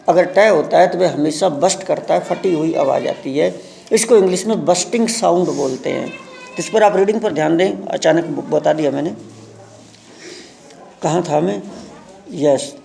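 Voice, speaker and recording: Gravelly high-voiced man teaching English. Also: a little mellow. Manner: reads English aloud very slowly, word by word, then explains in Hindi. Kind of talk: live class lesson explaining pronunciation.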